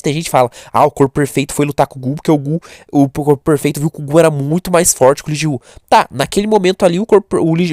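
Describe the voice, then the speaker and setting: A man's voice: fairly high pitch, darkish tone, no room sound, clean studio sound. A young man from Brazil, giving rambling casual commentary full of fillers and restarts. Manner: rambling, self-correcting, lots of fillers. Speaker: commentator on webtoon characters. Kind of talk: casual talking-head commentary.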